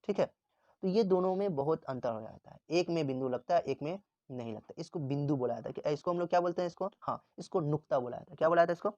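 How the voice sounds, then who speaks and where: A man's voice: a little high, fast talker, dark tone, no echo, muffled recording. A male teacher giving a classroom lesson. He repeats words and asks the class questions, then answers them himself.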